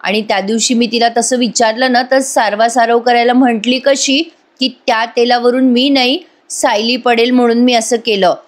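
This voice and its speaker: Woman voicing a worried young wife, earnest warnings, anxious, slightly high. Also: steady tone, normal speed, natural voice.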